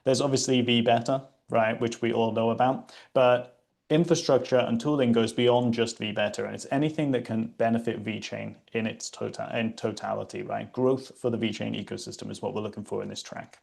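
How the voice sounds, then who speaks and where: Host slot: British man, gravelly voice, loose and chatty delivery with lots of ums. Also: medium pitch, steady tone, a little fast, darkish tone. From Britain. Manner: casual, chatty, many fillers and restarts. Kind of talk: livestream presentation.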